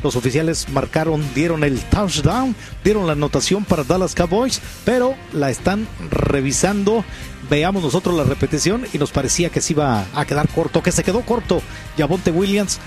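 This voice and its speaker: A man commentates live American football for a radio broadcast. His voice sits somewhat high for a male. Music plays clearly behind him. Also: lively intonation, normal speed. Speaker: sports commentator.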